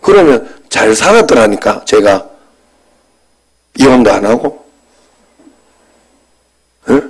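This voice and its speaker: A pastor in his fifties preaching a sermon and telling a personal story in a conversational way. His voice jumps from loud bursts to quiet asides. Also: medium pitch, very animated, slow pace, husky, poor audio.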